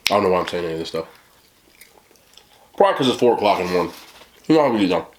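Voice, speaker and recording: A man's voice: sits low, sing-song, very fast, a little hiss or hum. A man in his thirties in casual, rambling mukbang chat, joking in slang and talking between bites as he eats. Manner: talks between bites while eating. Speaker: mukbang host. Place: small indoor room, seated at a table.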